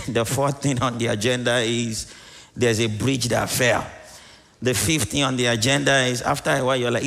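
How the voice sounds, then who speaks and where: Man, preacher, gravelly voice, long reverberant hall, emphatic sermon delivery, rhetorical questions. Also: a bit bright. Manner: dramatic swings in pitch and volume, sudden emphatic rises; repetitive, rhetorical questions to the congregation.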